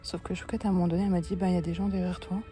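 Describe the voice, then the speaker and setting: A woman's voice: lowish voice, little pitch movement, racing, warm tone, soft background music. A middle-aged woman chatting casually in her vlog, self-mocking and hesitant, often trailing off with fillers. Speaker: vlogger.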